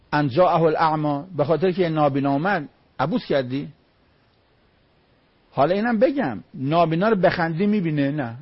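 A man's voice: a little high, husky, no room sound, lo-fi sound. A man preaching on Quran verses, emphatic, with rhetorical questions and short stories.

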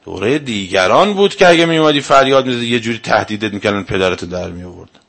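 A man's voice: on the low side, expressive, gravelly, fairly bright tone. A male cleric giving a religious lecture to a live audience, arguing his point and firing off rhetorical questions. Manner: argumentative, fires rhetorical questions.

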